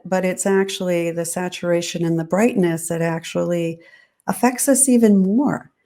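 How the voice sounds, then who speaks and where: A woman designer as an interview guest, explaining her ideas in a measured, thoughtful way. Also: fairly low pitch, warm tone. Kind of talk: interview answers.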